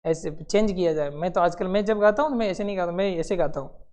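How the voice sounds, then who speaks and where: A male teacher giving a lively classroom lecture to students preparing for competitive exams. He tells stories and acts out scenes, with quick asides. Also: high-pitched, clear, resonant tone. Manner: storytelling, acting out scenes and voices, quick asides.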